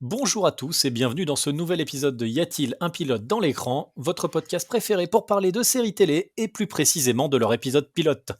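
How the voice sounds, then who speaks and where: A man's voice: on the high side, animated, fairly quick, few pauses. A man hosting a casual podcast, talking with many hesitant fillers as he eagerly explains. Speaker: podcast host.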